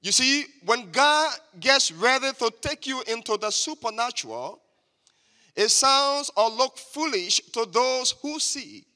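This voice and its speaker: Man preaching, high bright voice. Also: very animated, unhurried. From Liberia. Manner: emphatic, has the congregation repeat after him. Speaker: guest preacher. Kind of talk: church sermon. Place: church sanctuary. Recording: long church reverb.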